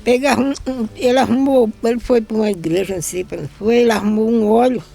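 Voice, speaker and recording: A woman's voice: on the high side, quick pace, gravelly, mellow. An older woman from northeastern Brazil giving an emotional religious testimony about her son, often repeating herself and quoting others.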